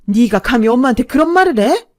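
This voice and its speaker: A woman voicing a snobbish middle-aged mother who talks down to others in a shrill, domineering way. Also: animated, fairly quick, soft background music, natural voice. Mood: shrieking. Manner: shrieking, scornful, loud.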